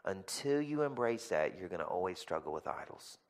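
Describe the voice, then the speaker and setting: A man's voice: sits low, very animated, moderate pace. A man preaching a sermon in a conversational, emphatic way, repeating key phrases and checking in with "okay?" and "right?". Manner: tags lines with "okay?" and "right?". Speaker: pastor.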